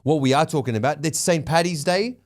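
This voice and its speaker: A man's voice: on the high side, fairly quick. A young man co-hosting a podcast, bantering loosely with a friend, swearing and laughing as he talks. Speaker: podcast co-host. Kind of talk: casual chat.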